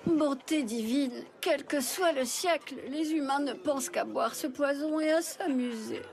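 Haughty celestial princess for a cartoon: high, stern, formally disdainful. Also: female voice, measured pace. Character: haughty winged archangel in a princess's body. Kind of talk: French anime dub.

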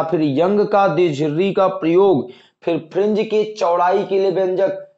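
A male teacher going through an exam syllabus, repeating key points and reassuring students he calls dear children. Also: high voice. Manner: repetitive, assuring, addresses students as dear children. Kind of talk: exam-prep lecture. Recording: echoey room, dull lo-fi sound.

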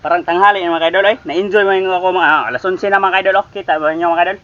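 A man's voice: sits high, fairly even intonation, very fast, muffled recording. A man from the Philippines chatting casually to viewers in a cooking vlog, calling them idols again and again. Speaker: cooking vlogger.

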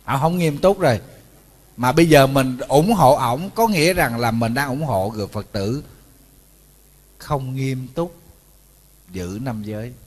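Animated Southern Vietnamese monk preaching. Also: male voice, medium pitch, a little slow, long pauses, big-room sound. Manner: animated, joking, addresses audience directly. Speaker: Buddhist monk teaching. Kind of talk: storytelling sermon.

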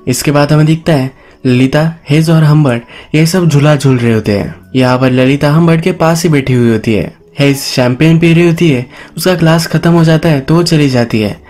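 A man's voice: a little high, normal speed, a little mellow, faint music behind. A man narrating a movie story recap in casual storytelling style, mixing English words into his talk. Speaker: movie explainer.

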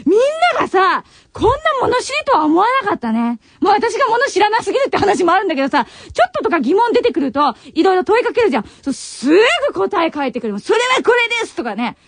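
Teary, high-voiced Nagoya radio host. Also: female voice, big pitch swings, fast, few pauses, dry recording. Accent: Nagoya dialect. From Tokai region of Japan. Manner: emotional farewell, voice choking with tears between laughs. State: voice worn from crying. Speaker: late-night radio host. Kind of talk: radio talk, reading listener letters. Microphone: studio radio mic. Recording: muffled old cassette tape dub.

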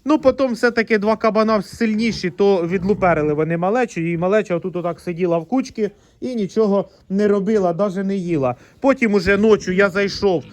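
A man's voice: high-pitched, fast, hardly any pauses, darkish tone, no room sound. A man, a pig farmer, chatting casually as he shows his pen, fond with the piglets and scolding them. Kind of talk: casual vlog narration.

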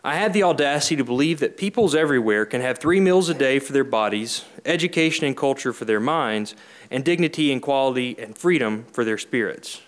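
A man moderating a panel discussion from a podium, measured and formal in a conference room. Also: medium pitch. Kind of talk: moderating a panel, reading quotes. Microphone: podium microphone.

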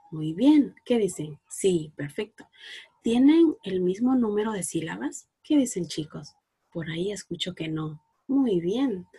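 Peruvian lady teacher, low-ish voice, coaxing kids with questions and praise. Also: a little mellow, breathy edge. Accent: Peruvian Spanish. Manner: slow, patient, coaxing, asks questions and praises. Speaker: primary school teacher. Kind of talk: recorded class lesson for children.

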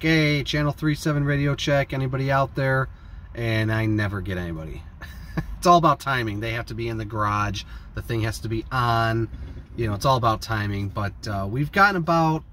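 A vlogger with a medium-pitched, somewhat bright voice chats to camera in a casual, meandering way, his accent from the American Midwest. Captured on a phone or camera at arm's length in a parked van, the clip has clear background noise from the vehicle.

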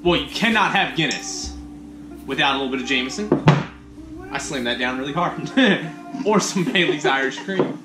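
A man in his thirties with a high voice banters casually as a co-host. His delivery jumps around in pitch and is crude and jokey. The room echoes around him and music plays behind. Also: expressive, normal speed. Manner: crude, joking, interjecting. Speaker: review show co-host. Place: small indoor lounge, on a couch. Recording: roomy echo, music behind.

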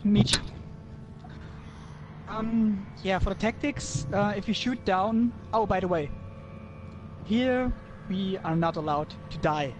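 A man's voice: sits high, slow pace, pauses often, lo-fi sound, background noise. A man leading a game raid, explaining lore and tactics with plenty of ums and restarts over voice chat. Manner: explains with many fillers and restarts.

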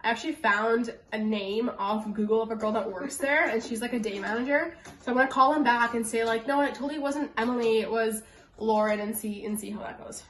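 A woman's voice: fairly high pitch, a little fast, a bit bright, recorded from a distance. A young woman chatting casually to camera as host of a prank video, a few feet from the mic. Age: young adult. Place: living room sofa, indoors. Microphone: camera a few feet away. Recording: echoey living room, faint background noise.

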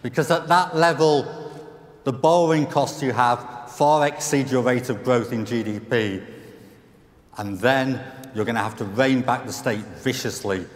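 A man's voice: medium pitch, a little slow. Emphatic man speaking in a big hall. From United Kingdom. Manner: emphatic, rhetorical questions, repeats punchlines. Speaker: chief economist giving a keynote. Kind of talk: conference speech. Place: large conference hall stage. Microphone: headset mic. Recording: roomy hall reverb.

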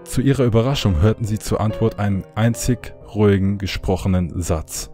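A man narrating a horror story in a calm, measured way. His voice is low and dark in tone, and soft music runs quietly beneath him.

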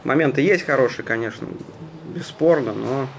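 A man giving live hockey play-by-play in a measured, conversational manner. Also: medium pitch, gravelly. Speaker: hockey commentator. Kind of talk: live sports play-by-play commentary. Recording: noisy ice rink ambience. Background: arena noise.

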